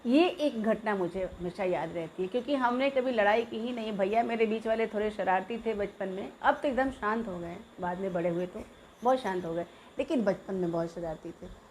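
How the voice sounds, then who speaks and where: A middle-aged woman from Bihar, telling childhood memories in a lively, animated way. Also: mid-range voice, normal speed, a little hiss or hum. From Bihar, India. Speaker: storyteller. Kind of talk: personal childhood storytelling.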